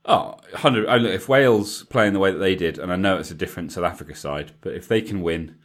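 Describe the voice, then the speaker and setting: A man with a lowish voice talks casually as a podcast co-host. He hesitates and restarts his sentences as he thinks aloud. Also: fast talker. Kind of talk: casual chat.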